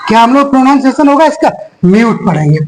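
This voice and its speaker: A teacher giving a phonics lesson to young children, spelling words out letter by letter, asking a question and then answering it in a lower voice. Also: very animated, a little mellow, slight background noise, rough recording. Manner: slow, repetitive drilling, spells out letters one by one.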